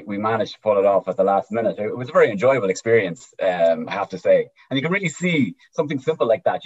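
Irish midlands male storyteller, husky and lowish, repeats himself as he chats, muffled lo-fi sound. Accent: Irish midlands, County Cavan. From County Cavan, Ireland. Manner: hesitant, repeats words, often tags with "right?". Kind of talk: conversational storytelling. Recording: dull lo-fi sound.

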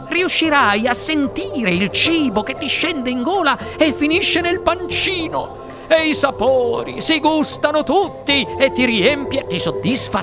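A reader voicing an excitable, eccentric male inventor in an audiobook, boastful and then panicky. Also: high voice, voice pushed up, heavily acted. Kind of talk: audiobook character reading.

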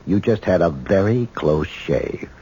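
An actor playing a gruff, unimpressed man of authority in a radio mystery, dry and commanding. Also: deep voice, expressive, measured pace. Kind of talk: radio mystery drama acting. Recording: noisy, muffled old radio broadcast.

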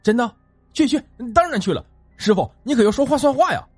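Brief: man voicing excitable young disciple, high and husky, storybook tale. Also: fairly quick, no room sound, soft background music, full character voice. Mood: excited. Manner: excitable, brash. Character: brash young male disciple, lustful and excitable.

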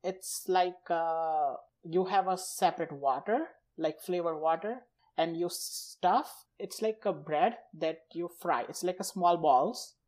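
This Indian-accented podcast guest, a native Gujarati speaker, talks slowly in a slightly high, darkish voice, barely pausing. In casual conversation he breaks his explanations into short pieces and lists, often not quite finishing sentences.

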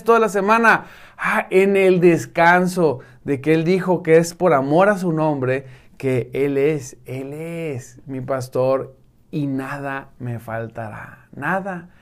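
A male preacher giving a sermon to an online congregation, emphatic, repeating words and dropping to soft, intense tones. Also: high-pitched, clear, resonant tone.

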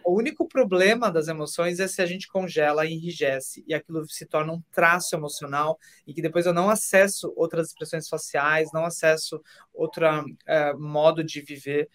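A man speaking in a soft, reflective way on a podcast. He talks at an unhurried pace and draws out the key phrases, with the calm manner of someone explaining feelings. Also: a little high. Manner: gentle, slows down on key phrases and acts out quoted voices. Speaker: podcast guest. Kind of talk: reflective conversation on emotions. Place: podcast studio.

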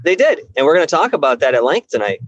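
A man's voice: on the high side, sing-song, fast talker, dry recording. A man joining a casual live stream chat as a guest over a bad call connection that keeps cutting out, giving brief, agreeable replies. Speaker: guest, paranormal show host. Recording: muffled, dry video call line.

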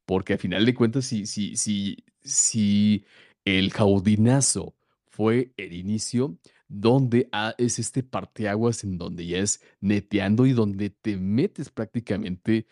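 A man hosts a casual interview at a slow, unhurried pace. His voice is low, and he encourages his guest while stumbling through repeated starts. The sound is dry and close. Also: a little mellow, no echo. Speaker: podcast host.

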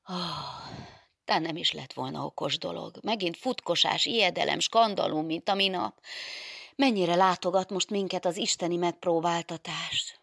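A woman's voice: lowish voice, creaky, a bit bright, dry recording, studio quality, pitched above the performer's own voice. A woman playing a fretful, commanding nun superior. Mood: scolding. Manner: agitated, scolding, commanding. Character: stern, fretful middle-aged nun superior.

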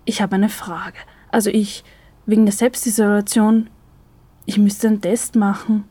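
A woman's voice: mid-range voice, moderate pace, husky, dry recording, natural voice. A woman voicing a nervous, hesitant young man in an audio story. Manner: excited, hesitant.

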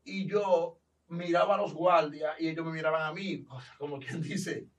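Telling his testimony with lots of animation, a pastor from the Dominican Republic performs the quoted voices himself. He has a Dominican Spanish accent and a high-leaning voice at normal speed, recorded far from the mic with poor audio.

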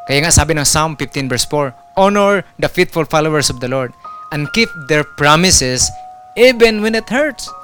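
A man's voice: on the high side, normal speed, fairly bright tone, soft background music. A male pastor preaching a sermon with rising emphasis, mixing in English phrases.

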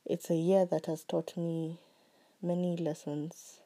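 Talking slowly about what she appreciates, a woman records a solo reflective podcast episode, her voice still mending after being ill. The pitch sits on the low side with little movement, and her heartfelt, earnest phrases trail off softly.

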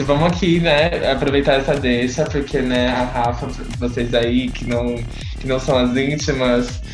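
A Brazilian man hosting a casual podcast chat, talking in a slangy, effusive way. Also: mid-range voice. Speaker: podcast host. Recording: roomy echo, faint music behind.

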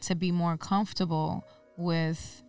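A woman's voice: on the low side, little pitch movement, a little slow, a little mellow, clean tone, far from the mic, soft background music. A woman guest on a casual podcast, talking earnestly and sprinkling her speech with "like" and "um". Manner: earnest, uses filler like "like" and "um". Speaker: interview guest.

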